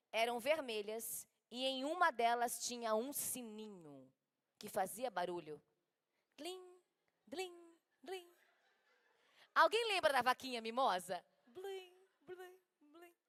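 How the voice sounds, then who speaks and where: Bright, high-voiced Brazilian woman preacher. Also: clean tone. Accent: Brazilian Portuguese. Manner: animated, swings from loud exclamations to soft asides. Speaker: preacher at a women's conference. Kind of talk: humorous sermon.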